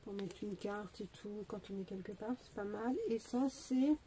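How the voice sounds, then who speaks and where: A young woman, stuffy from a cold, chats casually while unboxing beauty products from an advent calendar for her vlog. Her voice is medium-pitched and warm at a moderate pace, hesitant with lots of fillers and restarts, over a faint hiss or hum.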